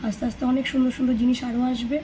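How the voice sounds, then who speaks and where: A hoarse, high-voiced woman with a Bengali accent chats to her viewers in a family vlog. She sounds like she is talking into a phone camera at home, and faint noise hums behind her. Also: level tone, very fast, dark tone, poor audio. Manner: coaching a child through yoga, counting aloud. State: hoarse from a cold. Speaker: family vlogger. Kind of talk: casual vlog talk to viewers.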